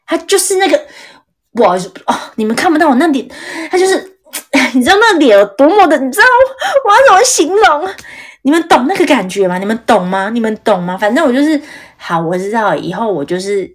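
A woman's voice: fairly high pitch, a little fast. A woman hosting a live podcast, chatting casually and expressively with the listeners and laughing now and then. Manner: expressive, giggly, addresses listeners directly. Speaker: podcast host.

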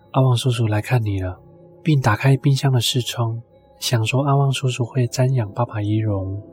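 A man's voice: medium pitch, darkish tone. A man narrating a scripted first-person ghost story as a storyteller. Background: music.

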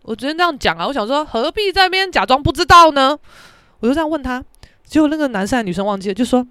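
Podcast host: brash Taiwanese woman, high lively voice, profane, acts out her own shouts. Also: fast talker, dry recording, clean studio sound. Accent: Taiwanese Mandarin. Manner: brash, profane, dramatic, shouts out reenacted quotes. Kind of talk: casual storytelling monologue.

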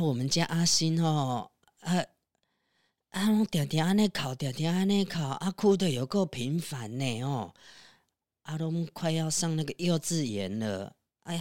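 A woman's voice: sits low, darkish tone, dry recording, clean studio sound, pitched below the performer's own voice. A woman voicing a patient, doting elderly grandmother with a Taiwanese accent in a children's audio story, coaxing and soothing. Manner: coaxing, mixes in Taiwanese Hokkien.

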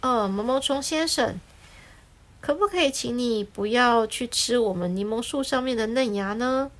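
A woman voicing a lonely, earnest gentleman lemon in a children's story, speaking courteously. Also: a little high, normal speed, natural voice. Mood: polite.

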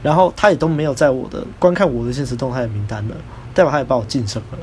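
A quick, animated man with a Taiwanese Mandarin accent, casually recounting a story as a podcast host. He slips into voices for the people he quotes, and his voice sits in a mid range over a faint hiss of room ambience. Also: medium pitch.

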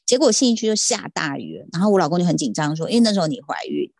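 A woman's voice: lowish voice, big pitch swings, very fast, gravelly, a little mellow, dry recording, clean studio sound. A woman podcast host with a Taiwanese Mandarin accent, telling a story in casual chat and quoting others.

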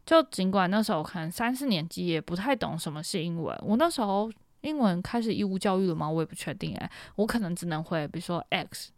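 A woman's voice: fairly low pitch, animated, fast, few pauses, no room sound. Chatty young woman storytelling. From Taiwan (Matsu islands). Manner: chatty, rambling, with frequent fillers and self-corrections. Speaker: podcast host. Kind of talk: casual storytelling monologue.

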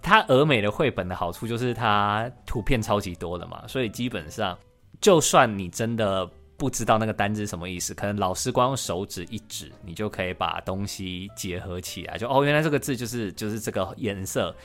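A man, a podcast host who tells his own story as the guest in an animated way. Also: fairly low pitch, fairly quick, faint music behind. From Taiwan. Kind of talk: podcast interview.

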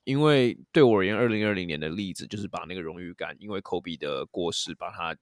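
A man's voice: sits low, quick pace, no echo, studio quality. A man hosting a casual podcast chat, steering the talk and handing questions to his co-hosts. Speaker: podcast host.

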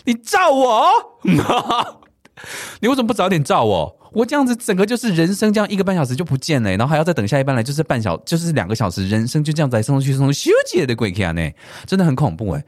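A middle-aged man with a Taiwanese Mandarin accent, telling a story on his own podcast at a quick clip. His pitch leaps around a lot, and he throws English curses into the tale. The recording is close and dry, with no room sound. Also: no echo. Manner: animated, mixes English swearing into his story. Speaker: podcast host.

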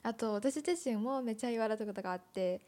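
Polite woman host, fairly high voice. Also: quick pace. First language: Chinese. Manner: polite, thoughtful, gentle backchannels. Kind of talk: casual chat.

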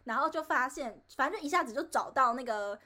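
A young woman with a Taiwanese Mandarin accent, co-hosting a podcast and telling stories in an animated way, acting out what people said. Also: high-pitched, fast talker. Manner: animated storyteller who acts out quotes. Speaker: podcast co-host. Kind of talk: casual chat.

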